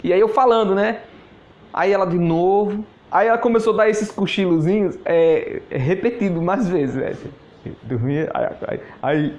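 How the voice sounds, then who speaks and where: A man's voice: high-pitched, a little mellow. A man, a network marketing mentor telling a story in a casual, chatty way, often laughing and repeating words. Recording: echoey room.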